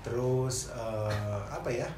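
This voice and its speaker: A man's voice: mid-range voice, takes it slowly, darkish tone, far from the mic. A man with a Jakarta accent chatting casually in informal, slangy speech. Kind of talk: casual chat. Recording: echoey room with faint noise.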